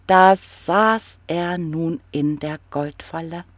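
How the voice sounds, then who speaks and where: A narrator reading a fairy tale aloud in a slow, expressive storybook manner. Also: medium pitch, no room sound.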